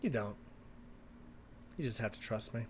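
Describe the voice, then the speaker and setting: Tabletop role-play: a man performs a petite, breezy huntress, cajoling and coaxing, with very lively intonation. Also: fairly low pitch, moderate pace, a little hiss or hum, close to an everyday voice. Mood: playful coaxing. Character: small, breezy, cajoling woman bounty hunter.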